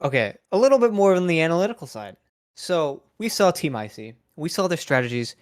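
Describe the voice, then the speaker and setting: A young host wraps up an esports stream in an upbeat, giggly way. The voice is mid-pitched and casual. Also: sing-song, a little fast.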